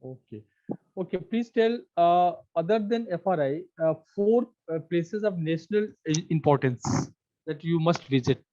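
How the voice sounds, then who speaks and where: A man's voice: a little high, lively intonation, moderate pace, mellow, dry recording. A man with an Indian accent puts formal, probing questions as a mock interview panelist, often repeating and rephrasing them. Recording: dull, lo-fi dry audio.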